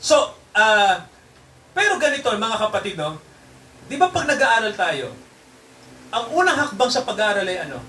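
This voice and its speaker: A man's voice: high-pitched, big pitch swings, moderate pace, long pauses, bright, forceful tone, roomy sound, distant mic. A man preaching a sermon to his congregation in a mix of Tagalog and English, constantly checking in with tag questions. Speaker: pastor. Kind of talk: Taglish sermon.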